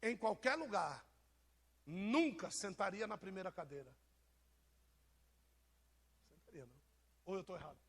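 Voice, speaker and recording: A man's voice: high voice, very animated, measured pace, vocal fry, long pauses, fairly bright tone, slightly rough. A man with a Brazilian accent, preaching an informal sermon and joking with members of his congregation. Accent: Brazilian Portuguese. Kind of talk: informal sermon to a live church.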